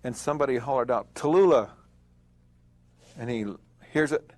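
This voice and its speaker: An older veteran in an interview, telling a war story in a plain-spoken, reflective way. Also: male voice, mid-range voice, fairly even intonation, fast, no room sound.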